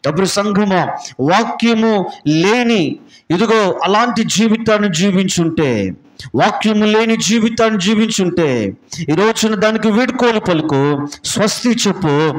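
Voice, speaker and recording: A man's voice: sits high, animated, a little slow. A man pastor preaching a sermon with emphatic lists and call-and-response questions in a church prayer hall.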